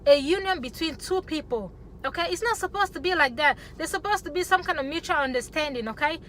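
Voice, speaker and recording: A woman's voice: high-pitched, animated, fairly quick, fairly bright tone, a little hiss or hum. A woman from Africa talking passionately to camera, emphatic and punctuating her points with "okay?". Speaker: vlogger. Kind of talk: opinionated talk to camera.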